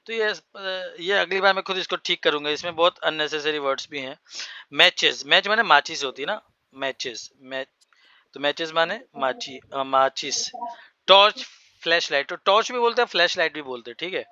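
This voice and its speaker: A man teaching a spoken English class for Hindi speakers, explaining words slowly and spelling them out. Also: fairly high pitch, sharp tone, dry recording, dull audio.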